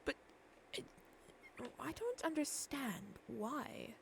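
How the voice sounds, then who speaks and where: A woman's voice: sits high, very animated, slow pace, gravelly. A woman streamer speaking in character during game role-play, hesitant and searching for words as she goes. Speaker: streamer playing a shopkeeper character.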